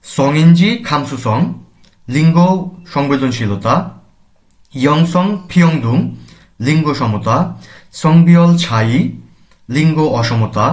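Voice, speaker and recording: A man from Bangladesh with a Bangladeshi Bengali accent, teaching grammar and pronunciation slowly and deliberately, repeating each term. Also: mid-range voice. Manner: slow, deliberate, repeats terms and spells out sounds. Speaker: language teacher.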